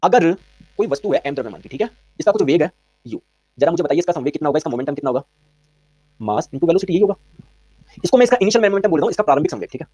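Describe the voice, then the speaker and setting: Rapid-fire man teaching physics. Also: on the high side, expressive, dark tone, breathy edge, dry recording. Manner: brisk, quizzing students with repeated questions. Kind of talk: online exam-prep physics lecture.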